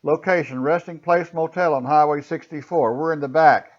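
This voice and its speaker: Wary cop who gives firm orders, read by a man; voice on the high side, lo-fi. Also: moderate pace, lightly acted. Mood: radio call. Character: wary, by-the-book male police officer.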